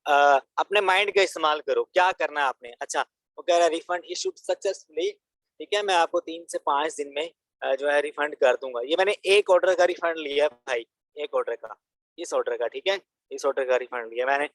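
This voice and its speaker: A young man talks viewers through a screen-recorded business tutorial. His voice sits a little high, and he keeps saying "theek hai" between points. The recording is dry, close to the mic. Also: brisk, fairly bright tone, dry recording, poor audio. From Pakistan. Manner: chatty, repeats "theek hai" as a filler. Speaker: online business course instructor.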